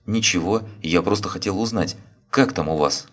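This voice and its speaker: A man's voice: sits low, moderate pace, pitched above the performer's own voice. A man voicing an anxious young wife and mother who pleads urgently on the phone.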